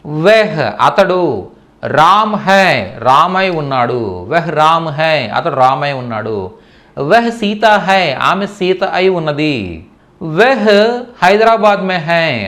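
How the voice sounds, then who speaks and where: A man giving a spoken language lesson in a fairly high, very lively voice that climbs and dips a lot. He explains patiently, says each word more than once and keeps checking that his listeners follow. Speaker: Hindi teacher.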